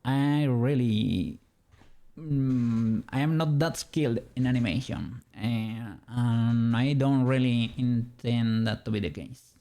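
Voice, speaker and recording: A man from Spain with a Spanish accent takes it slowly in a mellow, mid-range voice. As a streamer and 3D rigger, he works on an animation during a livestream, chatting casually, thinking aloud, and laughing lightly.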